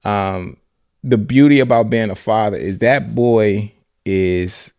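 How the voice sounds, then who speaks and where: A man's voice: on the low side, slow, darkish tone, clean tone. A man hosting a podcast in casual chat, speaking thoughtfully and restarting his sentences as he works through an idea. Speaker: podcast host.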